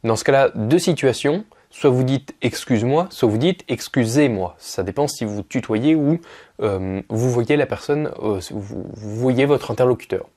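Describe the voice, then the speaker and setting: In a casual video lesson, a man teaches Russian phrases, explaining patiently and repeating them slowly. His voice is medium-pitched with a darkish tone.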